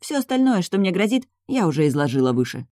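A woman narrating a first-person fantasy audiobook in a wry, lively storytelling manner. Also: on the low side, fast talker, no echo, clean studio sound.

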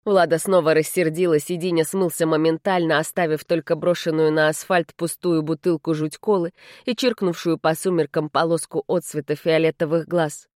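Woman narrator, measured storytelling, low voice, dry close recording. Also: steady tone, a little mellow, dry recording. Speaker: audiobook narrator. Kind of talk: scripted narration.

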